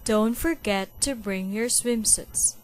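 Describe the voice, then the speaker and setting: Brief: a friendly teacher in a storybook, cheerful and clear, read by a woman. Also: a little high, slow, darkish tone.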